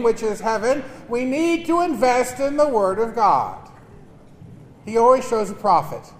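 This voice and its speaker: A man speaking as a priest at Mass with emphatic, deliberate delivery, his voice echoing in a large church. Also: very high-pitched. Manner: emphatic, deliberate pauses and repetition. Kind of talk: gospel reading and homily. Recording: cathedral-like echo, long church reverb.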